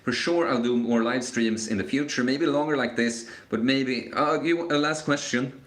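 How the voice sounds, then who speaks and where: Speaking at medium pitch and normal speed, a man in his 20s hosts an informal live Q&A stream. He rambles hesitantly, restarting often and using many fillers, and the recording carries an echoey room sound.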